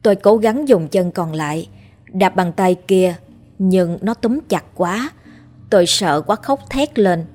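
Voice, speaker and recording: A woman narrating a scripted horror story at a measured, even storytelling pace. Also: mid-range voice. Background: faint background music.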